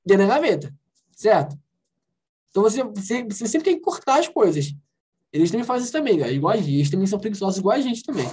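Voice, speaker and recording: Lively Brazilian teacher drilling a class. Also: female voice, mid-range voice, slightly rough. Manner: lively, coaxing, asks the class questions and drills phrases slowly. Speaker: English teacher. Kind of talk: online class explanation. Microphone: video call.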